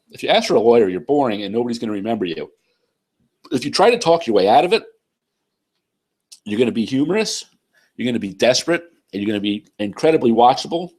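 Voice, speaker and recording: A man with a cold and a nasal voice, casually reading and bluntly answering viewer comments on his channel, clearing his throat often. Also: lowish voice, a little mellow. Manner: blunt, profane, conversational, frequent throat-clearing. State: congested, sick with a cold.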